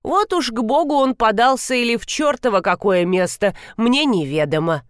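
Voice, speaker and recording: A woman's voice: on the high side, animated, normal speed, smooth, no echo, studio quality, natural voice. A woman voicing a chatty, wry old village woman with a folksy, dryly mocking way of talking, for an audiobook. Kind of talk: audiobook character voice.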